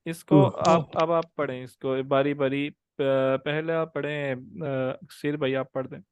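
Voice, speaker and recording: A man's voice: on the high side, steady tone, clean tone, dry recording, highs cut off. A young man teaching an online Quran tajweed class, patiently drilling letter sounds and calling on students by name over a video call. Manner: drawn-out demonstrated letter sounds.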